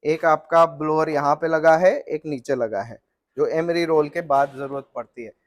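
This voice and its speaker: Fairly high-voiced man explaining machinery. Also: moderate pace, muffled recording. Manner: steady technical explaining, addresses viewer directly. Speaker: flour mill equipment seller. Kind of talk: explanatory product walkthrough.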